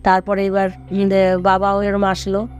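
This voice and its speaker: A man's voice: high-pitched, completely flat delivery, a little slow, darkish tone. A man telling a ghost story in casual conversation, rambling and repeating himself with many fillers.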